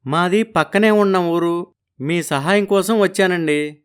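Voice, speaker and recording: A man's voice: high voice, measured pace, smooth. A man voicing a poor, worried village father who speaks humbly and pleads respectfully. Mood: pleading. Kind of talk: audio story acting.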